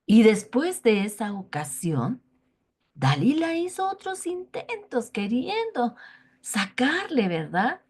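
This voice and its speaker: A woman with a Mexican Spanish accent telling a Bible story to children, animated and expressive, sometimes dropping to a whisper. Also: on the high side, takes it slowly, slightly rough.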